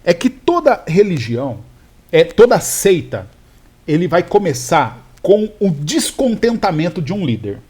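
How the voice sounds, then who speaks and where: A male pastor explaining scripture in a casual chat, telling it with animated restarts and fillers. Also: sits high, measured pace, breathy edge. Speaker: pastor, podcast co-host.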